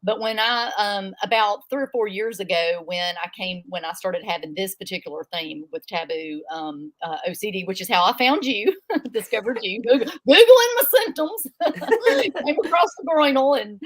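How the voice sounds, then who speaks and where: A woman's voice: medium pitch, moderate pace, a bit bright. A woman in her fifties with a thick American Southern accent, sharing personal experience as an interview guest in an open, rambling way. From southern United States. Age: 50s. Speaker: guest mental health advocate.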